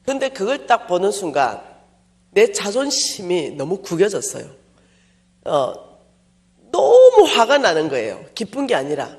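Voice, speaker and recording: A woman pastor telling a personal story in a sermon, animated and self-mocking. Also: mid-range voice, unhurried, pauses often.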